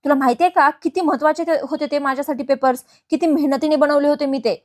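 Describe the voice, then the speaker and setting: A woman's voice: sits high, steady tone, quick pace, close to an everyday voice. A woman voicing a scheming, possessive woman who scolds sharply. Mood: angry. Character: hot-tempered scheming woman, fiercely possessive.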